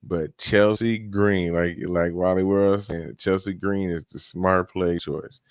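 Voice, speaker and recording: A man's voice: sits low, fairly even intonation, takes it slowly, clear, resonant tone, dry recording, studio quality. A man co-hosting a wrestling review podcast, talking in a laid-back, slangy way. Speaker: podcast co-host. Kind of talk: casual wrestling review chat.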